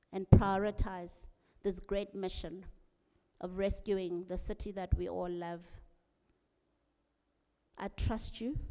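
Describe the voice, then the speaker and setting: Woman giving an earnest rally speech, mellow voice, long echo off a big hall. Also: mid-range voice, clear, resonant tone. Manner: earnest, rousing, urging. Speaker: political candidate.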